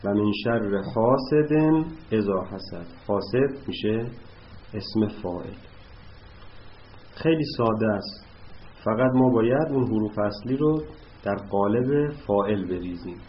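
A man teaching an Arabic grammar lesson, explaining word patterns slowly and patiently as he writes examples on a board. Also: on the low side, lively intonation. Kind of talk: classroom lesson. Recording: dull lo-fi recording with faint noise.

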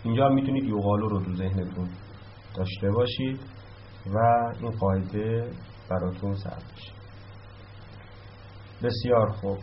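Man teaching a grammar lesson. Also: on the low side. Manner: explains step by step, repeats words slowly. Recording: dull lo-fi sound with faint noise.

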